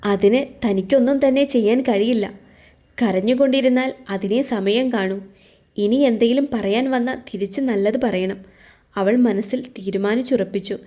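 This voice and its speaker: A woman narrating a romance story in a measured, scripted reading. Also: medium pitch, mellow.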